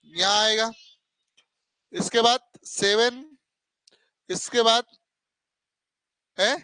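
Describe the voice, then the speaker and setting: A man's voice: very high voice, sharp tone, no room sound, low-quality recording. A male teacher giving a classroom lecture, asking questions and answering them himself, calling students "beta" and correcting himself as he goes. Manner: corrects himself mid-explanation.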